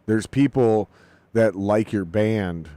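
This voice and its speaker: A man hosts a casual podcast, speaking slowly in a lowish voice with no room sound. He talks loosely and animatedly, swearing freely and cracking self-deprecating jokes.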